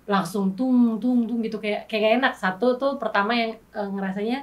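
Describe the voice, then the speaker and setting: High-voiced woman, slightly off-mic. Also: moderate pace, recorded from a distance. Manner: animated storytelling, acts out past arguments. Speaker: interview guest. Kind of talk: candid casual chat.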